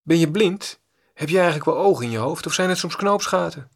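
A man voicing an angry passer-by who yells indignantly at someone who walked into him. The voice rises high and loud, with a gravelly rasp. He sounds offended and aggressive. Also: lively intonation, fairly quick. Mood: angry, shouting. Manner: shouting, indignant. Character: angry man shouting insults on a footpath.

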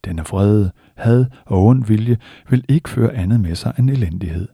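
A man with a very dark, gravelly voice delivers a spiritual discourse as a meditation teacher. He is slow, measured and earnest, with a husky edge. The recording is close and dry. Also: on the low side, dry recording.

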